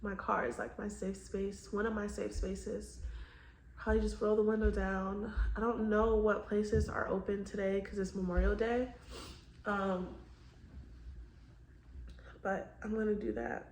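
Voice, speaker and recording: A woman's voice: mid-range voice, level tone, unhurried, long pauses, darkish tone, a little hiss or hum. A woman vlogging casually to her phone, candid and reflective, peppering her talk with "like" and "girl". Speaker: lifestyle vlogger. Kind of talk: casual vlog chat. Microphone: phone camera. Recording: roomy sound from away from the phone.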